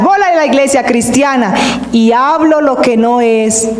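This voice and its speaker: A woman preacher delivering a sermon, reading scripture and explaining it with earnest, drawn-out emphasis. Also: high-pitched, darkish tone. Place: church hall. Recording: echoey hall with long reverb.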